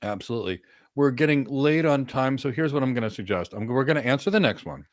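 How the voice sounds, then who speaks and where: Speaking quickly and animatedly in a mid-range voice, a man co-hosts a live career Q&A over a desk webcam video call. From a home office with several monitors, he gives earnest advice as short, repeated instructions, and the recording is dry.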